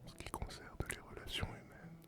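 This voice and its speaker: A performer voicing a solitary male sea captain and former pirate in a whispered role-play, breathy and unvoiced, telling the tale slowly and poetically to the listener. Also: close to an everyday voice. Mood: wistful, serene. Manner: slow, poetic storytelling addressed to the listener.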